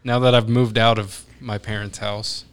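A man in his thirties hosting a casual podcast chat, animated and jumping high in pitch when excited. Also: moderate pace, clean tone. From United States. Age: 30s. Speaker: podcast host.

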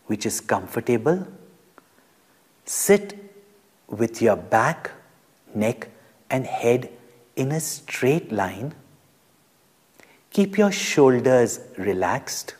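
A man giving a guided meditation discourse as a spiritual teacher, deliberate and emphatic, breaking phrases with pauses, his husky voice turning breathy at phrase ends. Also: mid-range voice, darkish tone. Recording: long hall reverb.

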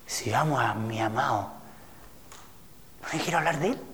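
A man's voice: mid-range voice, moderate pace, a bit bright, slight background noise. A male pastor giving a teaching sermon, reading scripture aloud and asking the listeners questions. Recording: reverberant hall.

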